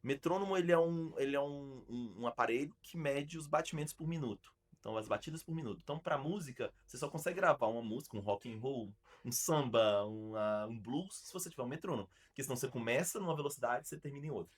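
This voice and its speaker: A man's voice: medium pitch, quick pace, hardly any pauses. A man with a Brazilian Portuguese accent, hosting a podcast as an arts school founder, telling stories emphatically with frequent restarts. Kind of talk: casual podcast chat.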